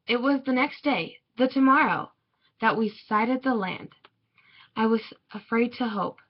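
A woman reading a children's picture book aloud in a measured, expressive way. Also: a little high. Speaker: storybook reader. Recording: dull lo-fi recording.

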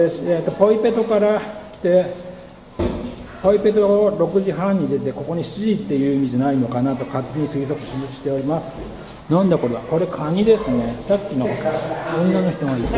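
A man's voice: a little high, low-quality recording. A man narrating a casual travel vlog, musing aloud as he walks around a small rural train station. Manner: muses aloud, thinking as he goes. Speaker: travel vlogger. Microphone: handheld camera mic. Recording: outdoor ambience with birds and traffic.

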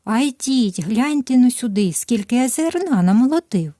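A woman's voice: a little high, expressive, moderate pace, dark tone, no echo, clean studio sound, voice pushed up, close to an everyday voice. A woman voicing a busy, hardworking little male rooster in a storybook tale, calling out and questioning patiently.

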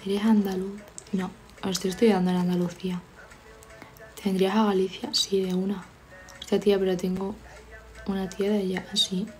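A woman's voice: medium pitch, level tone, moderate pace, long pauses. Young Spanish woman streamer, casual and playful, mid-range voice, faint music underneath. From Spain. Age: young adult. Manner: chatty, teasing, reads viewer comments aloud. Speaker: livestreamer. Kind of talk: casual live chat reading comments. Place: home, studying.

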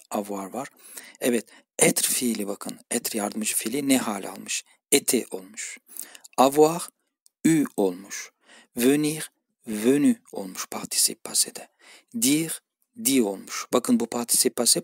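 A man's voice: on the low side, vocal fry, slightly rough, no room sound, clean studio sound. A man teaching a language grammar lesson, explaining step by step and often addressing viewers as friends. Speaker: French teacher. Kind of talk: screen-recorded grammar lesson.

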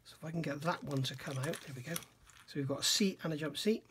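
A man's voice: a little high, fast talker, fairly bright tone, a little hiss or hum. A middle-aged man reviewing a scale model kit at his workbench, thinking aloud and often questioning himself. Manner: musing, self-questioning, admiring. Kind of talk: casual hands-on kit review. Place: workbench indoors.

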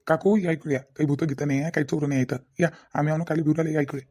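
A performer voicing a young man whose car was robbed, in a comedy cartoon. He talks quickly and in a reassuring way. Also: medium pitch, fairly even intonation, warm tone, close to an everyday voice.

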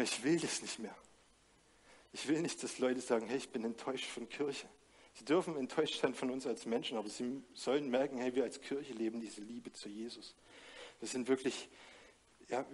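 A man's voice: mid-range voice, a little mellow, breathy edge. Male preacher, earnest and direct, mid-range voice, questions the congregation. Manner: earnest, direct address with frequent rhetorical questions and restarts. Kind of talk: sermon with closing prayer.

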